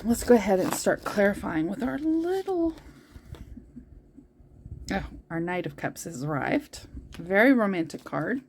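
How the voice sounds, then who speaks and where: Woman, tarot reader, earnest and heartfelt, mid-pitched voice, talks straight to the listener. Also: sing-song, measured pace, long pauses, darkish tone, a little hiss or hum. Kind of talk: spiritual tarot reading to viewers.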